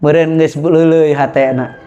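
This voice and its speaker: A high-voiced man delivers a lively storytelling sermon. He is animated, swings between stern emphasis and jokes, and talks straight to the audience. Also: a little slow, highs cut off. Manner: animated, mixes in regional phrases, jokes with the audience. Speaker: preacher.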